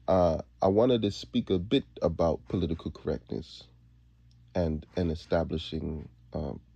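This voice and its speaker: A man's voice: low voice, creaky, dark tone, slightly rough, dull audio. A man giving a rambling, preachy monologue, chuckling to himself.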